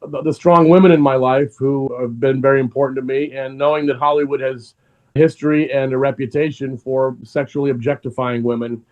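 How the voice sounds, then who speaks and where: Man, filmmaker guest; mid pitch, measured, earnest, frequent restarts. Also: steady tone, lo-fi sound. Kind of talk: reflective interview answers.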